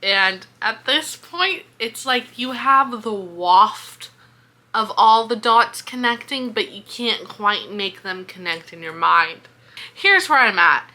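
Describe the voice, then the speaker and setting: A young woman chats casually about a book she's reading along with, speaking slowly at a medium pitch. She sounds animated and exasperated, swearing as she thinks out loud.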